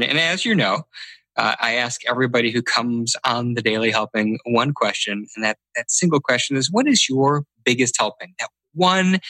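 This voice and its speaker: A man's voice: medium pitch, sharp tone, dry recording, poor audio. A man hosting a podcast, asking his closing question and reading an upbeat sign-off. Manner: upbeat, scripted sign-off phrasing. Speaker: podcast host. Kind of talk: interview hosting and show outro.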